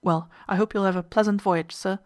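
A polite, chatty ship steward, voiced by a woman, makes courteous small talk. The voice is mid-pitched and dry. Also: steady tone, fairly quick, no echo, close to an everyday voice.

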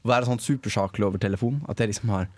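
Male student-radio co-host, hesitant and chatty, low voice, dry mic. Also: dry recording. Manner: rambling, hesitant, with many fillers. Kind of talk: casual radio chat.

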